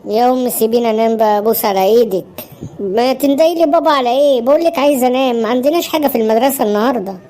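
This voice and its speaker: A woman's voice: fairly high pitch, racing, dark tone, natural voice. A woman doing a whiny lazy cartoon boy. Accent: Egyptian Arabic. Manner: whiny, cheeky. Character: lazy cheeky schoolboy who hates mornings. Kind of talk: cartoon voice acting.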